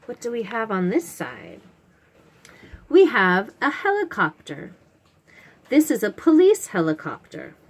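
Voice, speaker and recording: Her mid-range voice is a bit bright as she reads a picture book aloud to young children and explains it. She keeps her wording simple and instructive, posing questions to the listener along the way.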